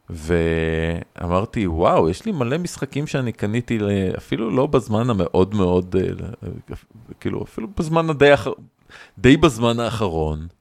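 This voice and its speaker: Deep-voiced man, dry close sound. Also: dry recording. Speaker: podcast co-host. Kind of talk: casual chat.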